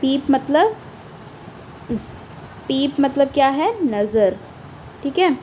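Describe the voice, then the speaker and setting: A woman's voice: high voice, big pitch swings, extremely slow, darkish tone, a little hiss or hum, rough recording. A young woman teacher, explaining a poem line by line, reading each line aloud and repeating the meanings.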